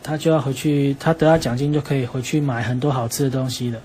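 A man with a Taiwanese Mandarin accent gently improvising a bedtime story for his child and patiently answering questions, recorded on a phone at home. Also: mid-range voice, fairly even intonation, quick pace, slight background noise. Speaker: father telling a bedtime story.

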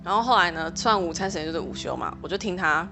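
A woman's voice: lowish voice, quick pace, over music. Chatty young woman telling a story. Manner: chatty, rambling retelling with many fillers, flaring up when recounting quarrels. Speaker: podcast host. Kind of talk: personal storytelling monologue.

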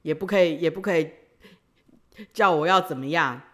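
A woman's voice: low-pitched, normal speed, a bit bright. A young woman, hosting a podcast and telling a personal story in a playful, teasing way with frequent giggles. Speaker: podcast host.

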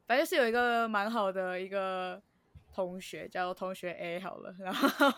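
Blunt young woman with a smooth voice. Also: mid-range voice, steady tone, normal speed, fairly bright tone, dry recording. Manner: blunt and frank. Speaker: podcast co-host. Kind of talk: casual chat.

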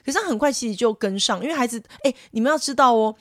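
A woman's voice: on the high side, very fast, fairly bright tone, no room sound, studio quality. A Taiwanese woman in her thirties, a podcast co-host and mother, chatting casually and laughing often. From rural Taiwan. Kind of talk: casual chat mixing Hokkien and Mandarin.

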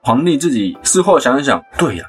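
Man, Taiwanese Mandarin accent, podcast storyteller, lively pitch, husky voice, faint music behind. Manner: chatty, animated retelling with quick asides and laughs.

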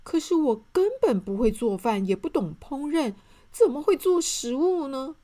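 A woman's voice: high-pitched, animated, moderate pace, dark tone, pitched above the performer's own voice. A woman voicing a proud man in a children's storybook, talking in a boastful, easily flustered manner. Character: proud man thought to be the cleverest.

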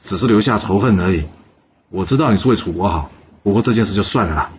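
A man doing a calm, generous ancient king. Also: lowish voice, quick pace, highs cut off, slight background noise, lightly acted. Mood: easygoing.

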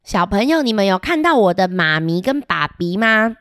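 With a sing-song, mid-range voice and a fairly bright tone, this storybook reader becomes a chatty little boy who is getting ready for kindergarten. She talks to the children at normal speed, playful, giggly, upbeat and boastful, in a studio-quality recording with no room sound.

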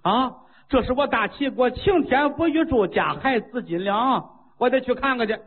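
A man voicing a frantic, weeping king in a storytelling performance, talking in a rushed, wailing voice. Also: a little high, big pitch swings, narrow, tinny audio, a little hiss or hum. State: crying.

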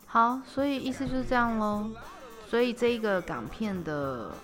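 A woman podcast host, telling stories in a lively, teasing, dramatic way. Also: a little high, normal speed, music in the background. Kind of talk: casual storytelling.

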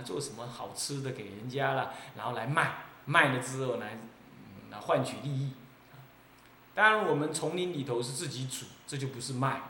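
A man from Taiwan with a Taiwanese accent, an abbot giving a Buddhist sermon in a lively, mocking way and often laughing. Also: mid-range voice, a little hiss or hum. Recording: echoey roomy recording.

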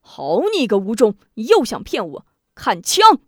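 A woman's voice: mid-range voice, big pitch swings, unhurried, dry recording, studio quality. A woman storyteller voicing an arrogant, hot-tempered elderly prince who blusters proudly. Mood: blustering.

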